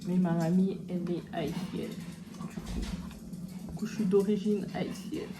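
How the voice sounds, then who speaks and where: A young woman from French Guiana, a beauty vlogger chatting casually while doing her makeup, with relaxed slangy asides. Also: on the low side, unhurried, noisy background. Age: young adult.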